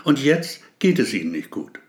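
A man voicing a skeptical male psychiatrist who questions his patient in a measured way. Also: mid-range voice, sing-song, lightly acted. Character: skeptical male psychiatrist, calm then pleading.

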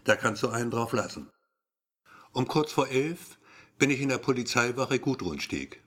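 Man reading an audiobook in first person, wry and brooding, mid-pitched voice. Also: lively intonation, normal speed, a bit bright. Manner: wry, brooding inner monologue. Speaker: audiobook narrator. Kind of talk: scripted first-person narration.

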